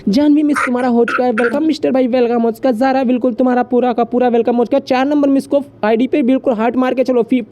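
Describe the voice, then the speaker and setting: A man's voice: very high voice, steady tone. A man hosting a live app room, rattling off welcomes, rhyming banter and orders to the members. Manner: fast teasing patter, rhyming banter, shouts orders. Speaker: live stream host.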